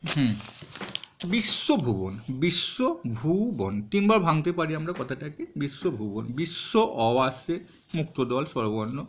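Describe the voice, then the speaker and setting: A man's voice: on the high side, big pitch swings, a little slow, a bit bright, a little hiss or hum. A man teaching students, patiently explaining and sounding words out syllable by syllable. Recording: dull lo-fi recording.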